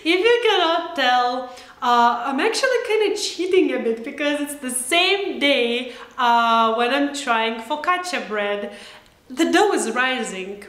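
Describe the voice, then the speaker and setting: A young woman chatting casually to camera as host of a home cooking vlog, with an excited, giggly and expressive way of talking. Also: sits high, measured pace. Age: young adult. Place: home kitchen, indoors. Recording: roomy kitchen echo.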